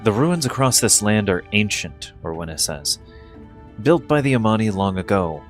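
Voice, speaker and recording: A man with a low voice reads fantasy game dialogue aloud as a streamer. Music plays faintly behind him. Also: big pitch swings, moderate pace. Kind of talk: reading game dialogue aloud, casual asides.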